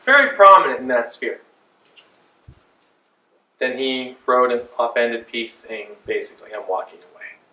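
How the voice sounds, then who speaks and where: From the pulpit of a small church, a pastor in his forties preaches a sermon in a loose, conversational way, gesturing animatedly with his hands. His voice is medium in pitch at a moderate pace, broken by long pauses. A far camera picks him up, leaving a roomy church echo.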